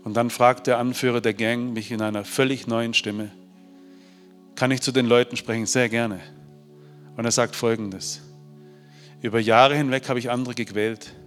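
A man tells a heartfelt story to a crowd, rising to loud bursts and then dropping to near-hushed tones. His voice rings with long hall reverb. Faint music plays underneath. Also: medium pitch, steady tone, moderate pace. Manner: emotional, swings from loud to hushed. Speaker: speaker. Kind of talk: motivational storytelling talk. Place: large hall.

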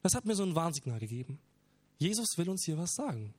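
A man's voice: on the high side, big pitch swings, fast, a little mellow, husky, no room sound. A man preaching a sermon, talking earnestly and with emphasis as he explains parables.

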